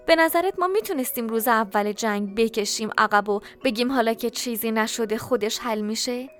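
A woman reading a storybook, voicing a loving mother who is tender but firm and gently teasing. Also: fairly high pitch, faint music behind, lightly acted. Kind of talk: audiobook character voice.

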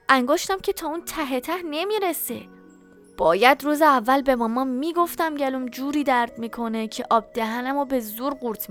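A woman narrating a children's story in the first person as a young boy, with a lively, expressive reading. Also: high-pitched.

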